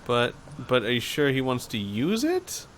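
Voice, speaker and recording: A man's voice: medium pitch, huge pitch swings, unhurried, slight background noise. A man hosting a read-through of a fantasy gamebook, narrating and breaking into casual asides. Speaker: host and reader.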